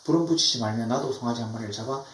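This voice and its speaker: A middle-aged man preaching a sermon as pastor, animated, now and then mimicking mocking tones. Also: medium pitch, rapid-fire, a little hiss or hum. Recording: echoey church from far off.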